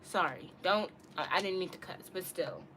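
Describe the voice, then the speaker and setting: A woman in her early twenties, with a lowish, slightly bright voice at normal speed, live-streams and chats casually with viewers. She's candid and slangy, talking off the cuff, and noisy room ambience is clearly audible.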